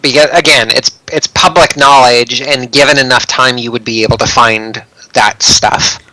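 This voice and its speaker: A man narrates as dungeon master of a tabletop game in an easy, conversational way. His voice is bright and forward. It sounds close-miked in a dry space. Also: medium pitch, moderate pace, no echo, rough recording. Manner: relaxed, conversational narration with fillers.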